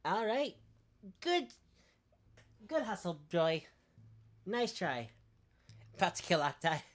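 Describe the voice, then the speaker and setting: A woman's voice: lowish voice, big pitch swings, slow pace. A woman running a tabletop game as game master, playful and often laughing.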